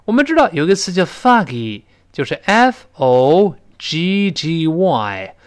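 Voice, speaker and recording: Male English teacher, lively up-and-down voice, fairly high, dry close mic, slow careful model phrases. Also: no room sound. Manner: lively explanatory teaching, rising to high pitch for emphasis. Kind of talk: spoken English lesson.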